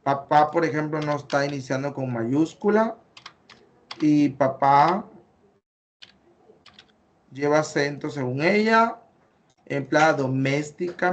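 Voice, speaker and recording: Mexican male teacher, slightly high voice, explains slowly, lots of fillers. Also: a little hiss or hum. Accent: Mexican Spanish. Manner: explains step by step, corrects patiently, many fillers. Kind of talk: online class, reviewing student data.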